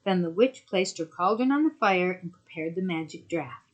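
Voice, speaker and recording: Animated woman reading a fairy tale. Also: on the low side, moderate pace, dull audio. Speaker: storyteller.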